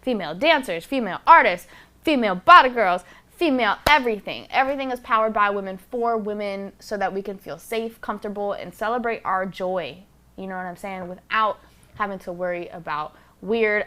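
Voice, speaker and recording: A woman's voice: mid-range voice, expressive, brisk, a bit bright. Blunt, candid woman podcast host. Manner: candid, blunt, swears freely. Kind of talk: casual solo podcast commentary. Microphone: close microphone.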